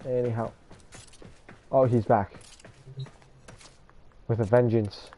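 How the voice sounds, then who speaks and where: Slow, mellow-voiced man chatting over gameplay. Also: mid-range voice, fairly even intonation. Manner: rambling, self-deprecating, chatty with viewers. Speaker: gamer showing his builds. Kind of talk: casual gameplay commentary.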